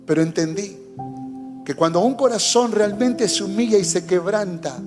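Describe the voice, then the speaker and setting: A man's voice: high-pitched, normal speed. Male pastor, fervent urging sermon, faint background music, church reverb. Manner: fervent, urging, testimonial preaching. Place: church hall.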